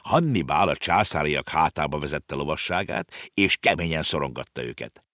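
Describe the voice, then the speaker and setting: Deep, expressive male narrator for a storybook, dry close sound. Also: no room sound. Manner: expressive, animated. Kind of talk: storybook reading.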